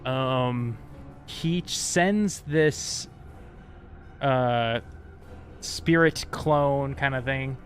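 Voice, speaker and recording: A man narrating a tabletop game as game master in casual, halting, improvised phrases. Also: medium pitch, soft background music.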